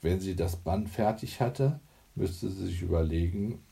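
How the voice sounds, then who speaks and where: A man narrates a novel in a measured, wry reading. His voice is low and dark with a gravelly texture, and he takes his time over every phrase. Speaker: audiobook narrator. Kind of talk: scripted narration.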